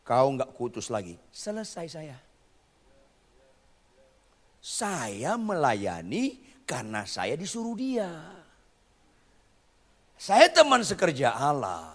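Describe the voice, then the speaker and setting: Animated preacher with a gravelly, bright voice. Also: male voice, fairly high pitch, takes it slowly, pauses often. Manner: animated, quizzes the congregation, jokey asides. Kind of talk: lively sermon to a congregation. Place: church hall. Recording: long reverb of a church hall.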